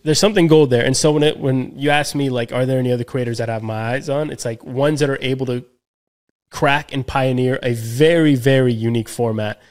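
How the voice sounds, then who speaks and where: Podcast co-host, male, mid-pitched, loose slangy delivery with restarts. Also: a little mellow. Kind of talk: casual chat.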